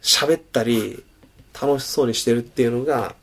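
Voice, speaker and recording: A man's voice: mid-range voice, moderate pace, breathy edge. A young male comedian co-hosting a casual podcast. He tells stories with energy and acts out the sounds in them. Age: young adult. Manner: animated storyteller, acts out sounds and hushed quotes. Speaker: comedian co-host.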